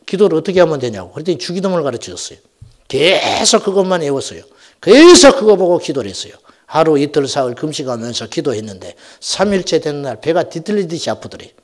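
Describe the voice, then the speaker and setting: A middle-aged man preaching a Friday night sermon as senior pastor, telling folksy stories and swinging from loud exhortation to hushed asides. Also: a little high, fast talker. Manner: animated, swings between shouting and near-whispering asides; folksy storytelling with acted quotes. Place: church sanctuary.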